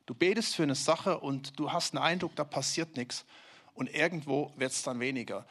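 Man, sermon, fairly high voice, chatty, asks the congregation questions. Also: moderate pace, a bit bright. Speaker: preacher.

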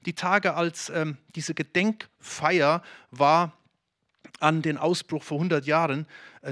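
A man from Germany delivers a lively sermon and talks directly to his listeners. His voice sits a little high for a man. The sound is dry and close, with no room echo. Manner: lively preaching with many restarts and direct address to the congregation. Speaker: pastor.

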